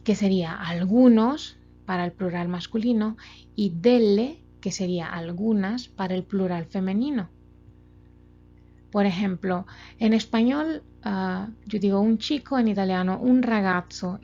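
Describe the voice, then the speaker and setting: This language teacher has a warm voice of medium pitch. She takes her grammar slides one careful step at a time, explaining slowly and giving many examples. The sound is dull and lo-fi, and some faint music plays in the background.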